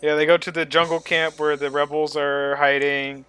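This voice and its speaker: This male podcast co-host sounds smooth and a little high, talking at a moderate pace. The conversation is a casual chat in which he jokes around and retells scenes with plenty of laughter.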